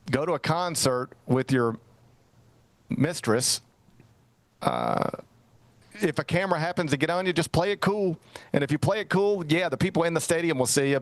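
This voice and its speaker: A middle-aged sports talk show host chats casually, spinning a rambling story that pokes fun at himself. His voice is a little high, with no room sound in the recording.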